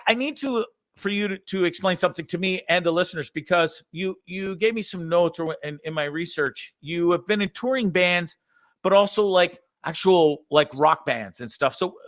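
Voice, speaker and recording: A man's voice: high voice, fairly bright tone. A man in his fifties hosting an interview over a video call, asking long, eager, rambling questions. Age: 50s. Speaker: host. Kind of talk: casual interview chat. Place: home room, video call. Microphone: video call mic.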